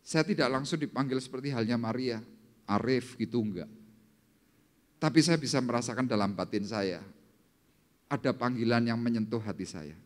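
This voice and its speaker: A male pastor delivers a sermon in a church hall with a long, ringing reverb. He speaks at an ordinary pitch for a man, then slows and rises when reading scripture aloud. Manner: dramatic, slowing down and rising in pitch for scripture quotes.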